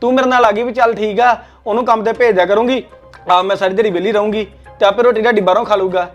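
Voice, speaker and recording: A man's voice: sits high, steady tone, fast talker, highs cut off, faint music behind, lightly acted. An actor playing a hot-tempered young husband who barks bossy commands at his wife. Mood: angry, bossy. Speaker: actor in a family skit.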